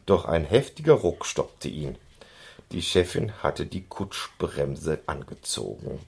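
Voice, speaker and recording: Slow, husky expressive storyteller man. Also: extremely low pitch. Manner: expressive, playful. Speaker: narrator. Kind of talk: audiobook reading.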